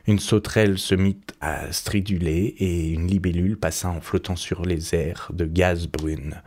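A man reading a novel aloud in a measured, calm storytelling manner. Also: low-pitched. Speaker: reader. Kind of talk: literary reading.

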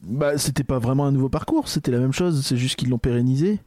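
A man's voice: fast, no room sound. A man co-hosting a casual podcast, sarcastic, his voice jumping up when he jokes. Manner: sarcastic, animated jumps in pitch.

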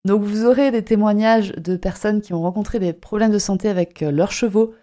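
A woman's voice: mid-range voice, dark tone. A woman hosting her own podcast as a horse shiatsu practitioner, chatting casually and often repeating and rephrasing herself. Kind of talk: casual solo podcast talk.

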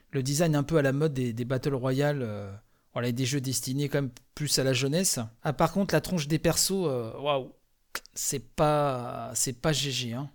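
A man hosting, chatting loosely with many fillers as he comments a live game showcase. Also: mid-range voice.

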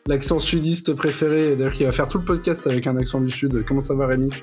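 A man's voice: medium pitch, steady tone, quick pace, a little mellow, faint music behind. A man hosting a casual football podcast in an informal, self-mocking, sweary way. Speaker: podcast host.

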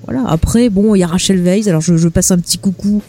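Blunt woman with a mellow voice. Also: lowish voice, quick pace, soft background music. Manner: blunt, dry, jokey. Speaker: podcast co-host. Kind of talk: casual film chat.

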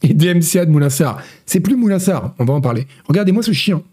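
Hoarse man chatting gaming news. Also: on the high side, animated, fast, mellow. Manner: rambling, joking, many fillers and restarts. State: hoarse from illness. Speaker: host of a gaming news show. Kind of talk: casual live-stream news chat.

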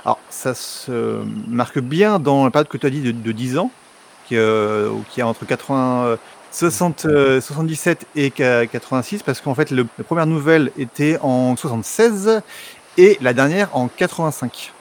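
A man's voice: mid-range voice, moderate pace, slight background noise. A man co-hosting a podcast in casual chat, explaining things in a chatty way with fillers. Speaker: podcast co-host.

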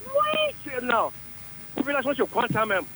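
Excitable man calling in over the phone. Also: extremely high pitch, normal speed, a little hiss or hum. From Burkina Faso. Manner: excitable, exclaiming, broken French. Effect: heard over a phone line. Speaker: caller. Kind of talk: phone-in radio chat.

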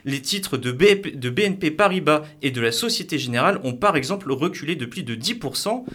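A young man reading scripted news items in a measured, formal way. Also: on the high side, animated, sharp tone, slightly rough. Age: young adult. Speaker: news presenter.

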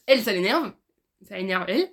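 A woman's voice: medium pitch, lively intonation, a little fast. A young woman co-hosting a casual podcast, rambling through a plot summary with hesitations. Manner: rambling, hesitant, many "tu vois". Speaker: podcast co-host. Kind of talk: casual chat about books.

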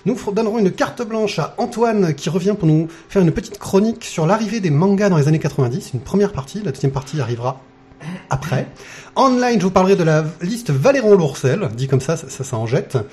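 A man hosts a laid-back comics podcast from behind the mic. His voice sits a bit high and moves around with lively pitch. He trips over fillers and throws in jokes as he goes. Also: a little fast. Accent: non-native accent, mocked by cohosts. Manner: hesitant, many fillers, joking. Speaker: podcast host. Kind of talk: casual podcast chat.

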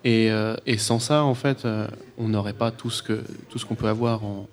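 A man's voice: fairly low pitch, fairly even intonation, normal speed. A man on a live podcast, explaining brewing details casually.

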